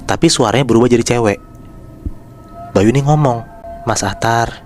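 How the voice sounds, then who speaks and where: A man hosting a podcast, telling a horror story in a relaxed, chatty way and addressing his listeners by name. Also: mid-range voice, brisk, soft background music. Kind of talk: casual spoken storytelling.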